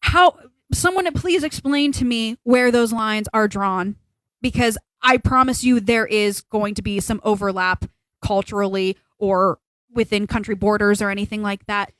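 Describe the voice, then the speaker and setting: A woman's voice: mid-range voice, moderate pace, a bit bright, dry recording, rough recording. A young woman co-hosting a podcast, talking in a casual, opinionated and rambling way, pressing her points with emphasis. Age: young adult. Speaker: podcast co-host. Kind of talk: casual chat.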